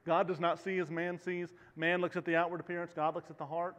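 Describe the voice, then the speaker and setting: A man's voice: fairly high pitch, little pitch movement, fast, a bit bright. A man in his thirties preaching a sermon, walking the stage and asking the congregation questions. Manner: walks the stage, gestures, asks the congregation questions. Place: church sanctuary. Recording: long reverb of a church hall.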